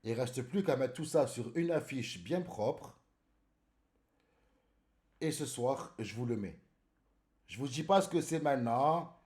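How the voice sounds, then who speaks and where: A man's voice: mid-range voice, animated, unhurried, pauses often, a little mellow. A man streaming live in casual chat, greeting viewers by name and calling them brother.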